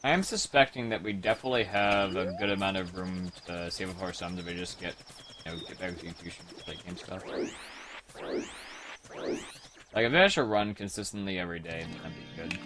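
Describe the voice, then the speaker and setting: A man chatting loosely as he streams. He rambles and restarts his sentences, and jokes at his own expense. His voice sits fairly low, and clear music plays under him. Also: animated, a little fast, pauses often. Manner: rambling and self-mocking, with many restarts. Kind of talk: casual chat. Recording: background music over the voice.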